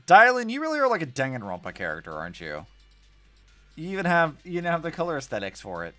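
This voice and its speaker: A casual game streamer with a mid-pitched, very animated voice. They comment wryly and think aloud over faint music. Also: fast. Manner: informal, wry, thinking aloud.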